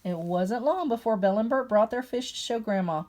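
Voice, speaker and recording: A woman's voice: a little high, brisk, darkish tone. An older woman reading a picture book aloud as a grandmother, breaking off for chatty asides. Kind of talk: storybook read-aloud with asides.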